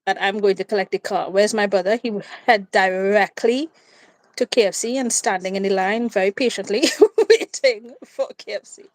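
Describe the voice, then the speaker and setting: Recorded dry at home indoors, this Trinidadian-accented co-host chats casually during a live watchalong. Her mid-range voice stays fairly even in intonation at a normal speed, and she comes across as chatty and playful.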